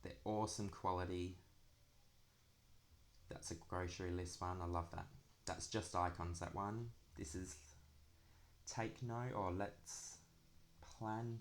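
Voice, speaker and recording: A young man talks in a low, deep voice. He chats casually as he shows craft supplies, and his s sounds come out long and drawn out. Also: a little hiss or hum. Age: young adult. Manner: drags out the s sounds. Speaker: craft planner vlogger. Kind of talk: casual chatty product walkthrough.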